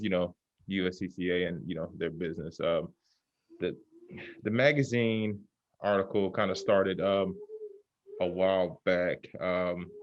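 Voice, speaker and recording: Very deep male voice, muffled behind a mask. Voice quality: muffled, talking through a mask. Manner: halting, pausing often with "you know". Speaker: interview guest, self-defense shooting survivor. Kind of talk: personal account in a conversational interview.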